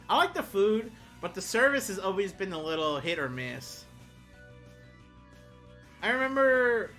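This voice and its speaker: Young streamer voice, bright and bouncy, cracks up a lot, swears, faint music behind. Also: mid-range voice. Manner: laughs often, swears freely, animated storytelling. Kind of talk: casual chat on a live stream.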